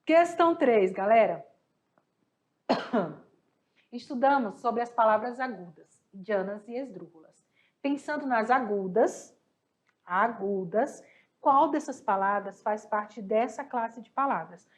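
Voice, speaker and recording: A Brazilian woman teaching a class, a little hoarse, patiently asking questions and answering them herself. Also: fairly high pitch, lively intonation, takes it slowly, pauses often. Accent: Brazilian Portuguese. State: slightly hoarse, coughing. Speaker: Spanish teacher. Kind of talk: online class explaining exercises.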